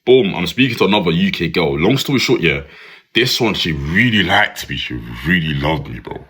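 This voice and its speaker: A young man with a British accent tells dating stories straight to camera, animated and casual, ending his lines with "bro". His voice sits very deep, with a bright, forceful edge and a husky grain. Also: moderate pace. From United Kingdom.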